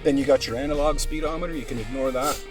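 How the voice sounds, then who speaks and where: A man's voice: medium pitch, fast. A man with a Canadian accent giving casual, reassuring step-by-step instruction as a driving instructor. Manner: easygoing, reassuring, informal step-by-step explaining. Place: inside a car. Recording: loud guitar music over in-car talk. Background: guitar music.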